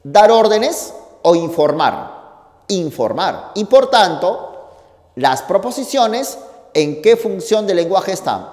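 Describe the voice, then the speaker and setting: A male teacher giving a lesson, asking questions and answering them himself. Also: on the high side. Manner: lively, asks and answers his own questions. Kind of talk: lecture. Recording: echoey room with long reverb.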